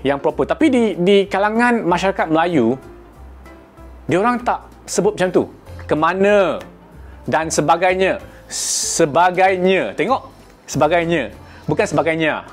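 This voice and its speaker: A man with a Malaysian accent giving a casual how-to vlog, playful and self-mocking, slipping English words in and demonstrating pronunciations. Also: on the high side. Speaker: YouTuber teaching spoken Malay.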